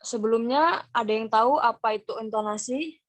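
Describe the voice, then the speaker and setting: A young woman with an Indonesian accent presenting an online class lesson over a video call, explaining slowly and repeating key terms. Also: fairly high pitch. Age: young adult. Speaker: student presenter.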